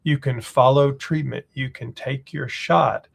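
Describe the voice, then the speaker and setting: A man's voice: medium pitch, steady tone, measured pace, gravelly, husky. A man in his forties co-hosting a live question-and-answer chat, speaking earnestly and reading viewer questions aloud. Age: 40s. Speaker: co-host.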